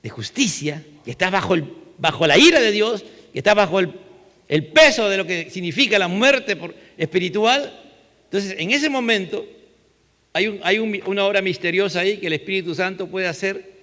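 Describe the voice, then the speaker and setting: Peruvian male pastor, high bright voice, chatty sermon full of rhetorical questions, long church reverb. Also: animated, moderate pace. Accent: Peruvian Spanish. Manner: conversational, asks rhetorical questions with frequent tag "¿no?".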